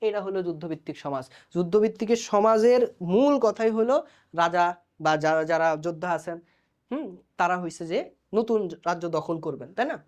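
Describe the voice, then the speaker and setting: A man's voice: a little high, a little fast. A man with a Bangladeshi Bengali accent giving a recorded exam-prep sociology lecture, talking colloquially and answering his own quiz questions. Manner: colloquial, poses questions then answers them himself. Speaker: sociology tutor.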